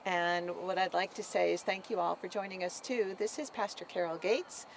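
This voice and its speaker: A woman pastor leads a relaxed interview in a very low, measured voice. A faint hum of vehicle noise sits behind her. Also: creaky. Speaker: pastor and host. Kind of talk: casual interview chat.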